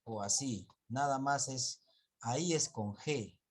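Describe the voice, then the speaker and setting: A male teacher with a mid-range voice takes his time in a 2021 online pronunciation class. He patiently repeats sounds and checks that the students are keeping up.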